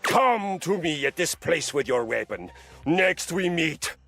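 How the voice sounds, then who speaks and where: A towering Viking warrior with a Swedish accent boasts in a booming, theatrical voice. His pitch leaps wildly and he stretches his words slowly. A gravelly edge runs through his voice, with faint music behind him. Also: sing-song, exaggerated voice. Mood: bombastic. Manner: booming, theatrical, self-aggrandizing.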